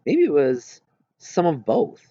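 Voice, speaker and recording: Reading slowly, this male audiobook narrator voices a children's novel told in the first person, his mid-range voice making huge pitch swings. The dry, slightly dull recording has almost no room sound.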